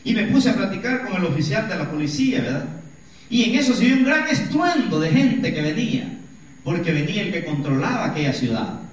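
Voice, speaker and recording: A man's voice: sits high, sing-song, a little fast. A middle-aged man, a pastor who preaches an emphatic sermon, telling stories and calling the congregation brothers. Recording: echoey church hall, distant dull mic.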